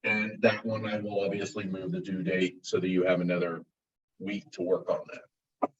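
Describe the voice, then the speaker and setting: A male college instructor giving a casual classroom lecture, relaxed and self-described as monotone. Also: low voice, normal speed, gravelly, a little hiss or hum. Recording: muffled, distant classroom recording.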